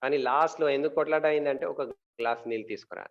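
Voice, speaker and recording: A man giving a talk about marriage to an audience. He asks questions and answers them himself, pausing often with fillers and repeating words. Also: medium pitch, dull audio.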